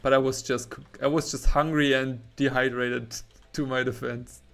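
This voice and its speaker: A man's voice: mid-range voice, level tone, moderate pace, a bit bright, faint music behind. Chatty German man streaming art. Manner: rambling, self-interrupting, chatty with viewers. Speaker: artist streaming a drawing session. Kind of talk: casual livestream chat while drawing.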